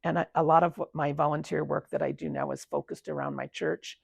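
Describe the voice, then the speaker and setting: Gravelly, husky woman in her seventies. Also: deep voice, steady tone, brisk, dry recording. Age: 70s. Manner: reflective, with frequent ums and restarts. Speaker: interviewee. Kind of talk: recounting her career. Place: retirement community.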